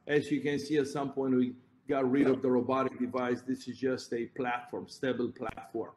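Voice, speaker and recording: Presenting at a conference, a Romanian-accented heart surgeon points at his slides and walks through the material step by step, correcting himself as he goes. He speaks at normal speed in a mid-range, slightly mellow voice with fairly even intonation, amid roomy echo and faint background noise.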